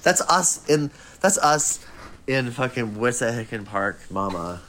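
Male podcast co-host, mid-pitched, blunt and opinionated, with faint background noise. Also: sing-song, unhurried, bright, forceful tone. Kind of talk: casual chat.

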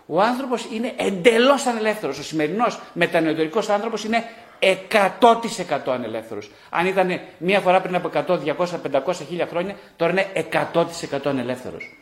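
A middle-aged man speaks to a live audience as a psychologist, his pitch running a little high and swinging widely from phrase to phrase. He repeats short phrases and throws out rhetorical questions. The sound carries the echo of a reverberant room. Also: expressive. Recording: echoey room.

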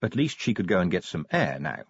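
Male audiobook narrator, low, husky, wry, dry booth. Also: brisk, dry recording. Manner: wry, expressive reading. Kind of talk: scripted narration. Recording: dry, slightly dull audiobook recording.

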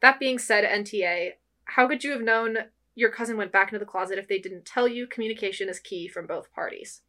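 Fast, bright-voiced woman co-host. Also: medium pitch. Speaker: podcast co-host. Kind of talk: casual group chat.

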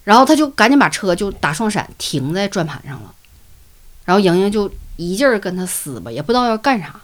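A woman with a Northeastern Mandarin accent telling a ghost story on a podcast. She is earthy and animated, swears freely, and acts out voices and sound effects. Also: mid-range voice, fairly quick. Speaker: podcast co-host.

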